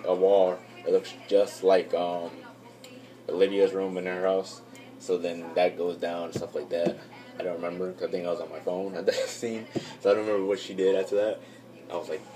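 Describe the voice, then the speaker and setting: A man's voice: low-pitched, warm tone. A young man giving a casual, rambling episode recap for his channel, full of fillers and restarts. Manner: rambling, filler-heavy, loses track. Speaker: YouTube reviewer.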